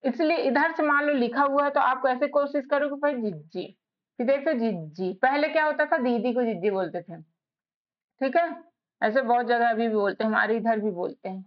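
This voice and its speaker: A woman teaching a spelling lesson, spelling out letters one by one in a slow, patient way. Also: on the high side. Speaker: English teacher. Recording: slightly dull lo-fi recording.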